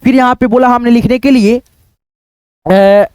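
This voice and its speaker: A man's voice: very high-pitched, fairly even intonation, measured pace, a little mellow, clear, resonant tone, no room sound. A man teaching Hindi reading and writing in an online lesson, patiently sounding out words syllable by syllable and repeating them.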